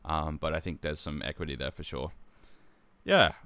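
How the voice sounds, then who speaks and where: A young man hosting a live stream as tournament organizer, chatting casually and relaxed, with lots of ums and restarts. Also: rumbling low, moderate pace, smooth, no room sound. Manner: relaxed, with frequent fillers and restarts.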